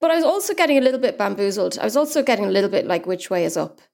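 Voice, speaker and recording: Irish woman, very gravelly voice, lively storyteller, interview guest. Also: mid-range voice, racing. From Ireland. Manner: lively storytelling, acts out quoted dialogue. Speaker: interviewee, scam victim. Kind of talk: recounting a personal story.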